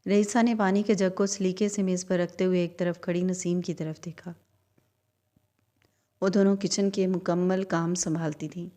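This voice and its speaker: A woman reading a dramatic novel aloud in steady, dramatic storytelling narration. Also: lowish voice. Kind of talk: scripted audiobook narration.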